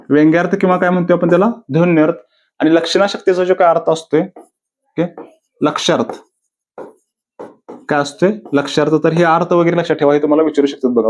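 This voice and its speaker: A man with a slightly high-pitched voice leads a recorded exam-prep lesson. He poses each question aloud, answers it, then repeats the answer like a drill. Quoted verse lines come out slow and deliberate. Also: a little mellow. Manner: repetitive, quizzing himself with question-and-answer drills. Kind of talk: classroom-style video lecture.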